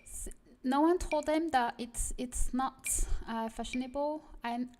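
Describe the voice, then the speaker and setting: A woman who is not a native English speaker, giving casual game-stream commentary and pausing to translate in her head as she searches for words. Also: high-pitched, darkish tone, a little hiss or hum. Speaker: host of a game building stream.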